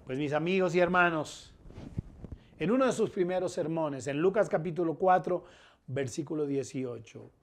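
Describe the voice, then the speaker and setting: A middle-aged man with a Colombian accent preaching a sermon as pastor, his loudness rising and falling as he presses his points. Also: on the high side, normal speed. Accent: Colombian Spanish.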